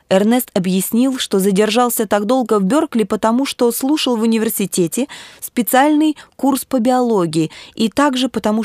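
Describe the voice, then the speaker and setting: A woman narrates a literary audiobook in a measured, steady way. The recording is dry and close, with no room sound. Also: medium pitch, no room sound.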